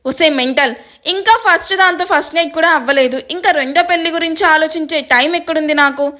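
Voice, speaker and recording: A woman's voice: sits high, a little fast, pushed and bright. Woman voicing a teasing young groom. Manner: teasing, joking.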